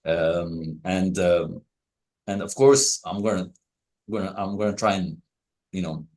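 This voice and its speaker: Egyptian guy hosting a podcast, really deep low voice, lots of stops and restarts. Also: a little mellow. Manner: halting, with frequent pauses and restarts. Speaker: podcast host. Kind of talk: casual interview chat.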